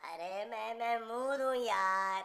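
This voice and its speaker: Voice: medium pitch, slow, creaky, very noisy. An actor voicing a lazy, easygoing cartoon husband who jokes and sweet-talks his wife. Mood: joking. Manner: lazy, joking, sweet-talking.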